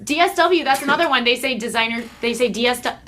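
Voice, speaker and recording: A woman's voice: fairly high pitch, quick pace, a bit bright, a little hiss or hum. A woman guest on a podcast, talking in a chatty, self-interrupting way and laughing easily. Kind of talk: casual chat.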